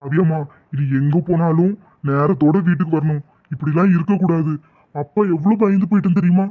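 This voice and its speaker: A man voicing an anxious, doting village father in a cartoon, loud and worried. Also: a little high, steady tone, brisk, natural voice. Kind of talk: cartoon voice acting. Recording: distant, muffled, faint music.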